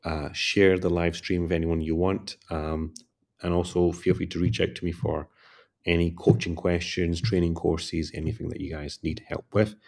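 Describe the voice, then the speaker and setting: This career coach has a low, gravelly voice and talks at a moderate pace during a casual livestream. Tired and yawning, he meanders through his thoughts and asks viewers more than once to like and subscribe.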